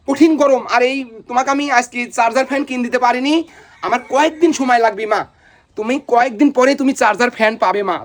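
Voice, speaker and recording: A woman speaks in a tender, coaxing voice, pitched a little high. She keeps repeating soft endearments and gentle questions, like she is talking lovingly at home. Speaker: farmer vlogger. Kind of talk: affectionate home vlog.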